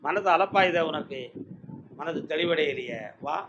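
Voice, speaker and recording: A man's voice: on the high side, measured pace, lo-fi sound, noisy background. A man, speaking as a temple oracle into a microphone, commanding, scolding and reassuring devotees directly. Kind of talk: trance oracle pronouncements to devotees.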